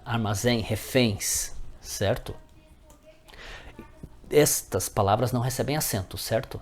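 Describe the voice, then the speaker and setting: Husky man teaching grammar. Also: mid-range voice, takes it slowly. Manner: addresses viewers as friends, checks with "certo?". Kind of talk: grammar lesson.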